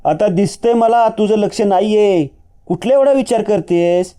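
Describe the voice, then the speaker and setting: Man doing an earnest young boss, insistent, caring, dark mellow voice. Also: high-pitched, normal speed, smooth, pitched above the performer's own voice, close to an everyday voice.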